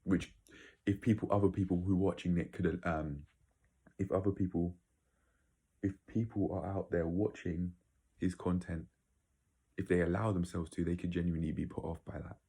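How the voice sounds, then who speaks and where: Male vlogger, very low and mellow, casual opinionated rambler who speaks bluntly. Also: fairly even intonation, moderate pace, long pauses, husky. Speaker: video creator. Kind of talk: casual opinionated monologue to viewers.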